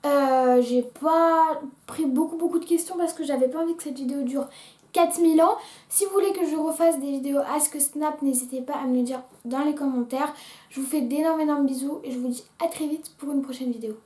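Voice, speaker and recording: A teenage girl with a high voice, chatting to her viewers in a relaxed vlog and hesitating often with fillers. She talks in an echoey room. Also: brisk. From France. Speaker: YouTuber. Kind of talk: casual vlog chat.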